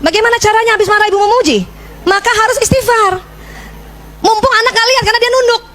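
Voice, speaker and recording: A high-pitched, middle-aged woman speaks to a room of mothers about raising children. She is lively and keeps asking her listeners questions to make sure they follow. A faint hum runs under her voice. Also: fast talker. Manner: lively, asks the audience questions. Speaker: parenting speaker. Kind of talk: parenting talk to mothers.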